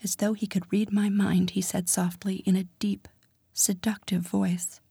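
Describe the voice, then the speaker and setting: A woman reading a first-person romance story, soft and intimate, often dropping to a whisper. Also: medium pitch, flat delivery, measured pace, vocal fry, husky, no echo, studio quality. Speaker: audiobook narrator.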